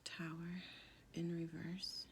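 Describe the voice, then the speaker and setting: A woman with a deep, sultry, husky smoker's voice gives a soft-spoken, casual tarot reading in a halting, informal way. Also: monotone, slight background noise. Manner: halting, informal, with pauses and frequent "like". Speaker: tarot card reader.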